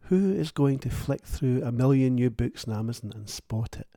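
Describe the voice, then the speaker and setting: A man's voice: mid-range voice, lively intonation, moderate pace, creaky, dark tone, dry recording, studio quality. A man who writes books, hosting his own show in a wry, plain-spoken and thoughtful solo monologue. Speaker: author and podcast host.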